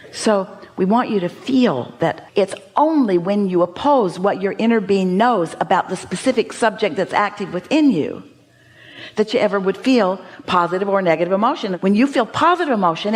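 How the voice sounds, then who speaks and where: A woman teaching a seminar audience, speaking as "we" and posing emphatic rhetorical questions. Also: medium pitch. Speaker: inspirational speaker.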